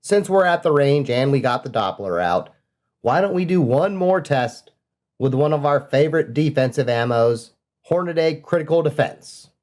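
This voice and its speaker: This man's voice sits on the high side, a little mellow, with lively intonation at a moderate pace and no echo. He hosts a gun channel, speaking with an Iowa accent in a rambling, self-correcting outdoor range vlog with ammo test readouts.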